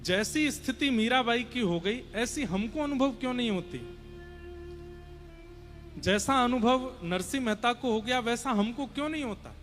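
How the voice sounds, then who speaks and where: Earnest young man preaching to a crowd, chants verses, high pitched voice. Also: animated, a little slow, fairly bright tone, soft background music. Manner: earnest, urges listeners to listen closely. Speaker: kathavachak preacher. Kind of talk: devotional sermon with chanted Sanskrit verses. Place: large hall before a seated audience.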